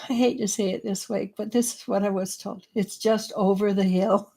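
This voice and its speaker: A woman's voice: medium pitch, steady tone, moderate pace, vocal fry, dark tone, husky. A woman giving live tarot readings in a chatty way, laughing now and then. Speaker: psychic reader.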